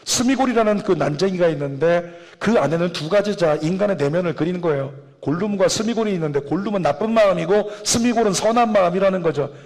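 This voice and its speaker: Emphatic male pastor, sermon delivery. High voice, long church reverb. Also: quick pace, hardly any pauses, a little mellow. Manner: emphatic, preaching with rising fervor. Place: church sanctuary.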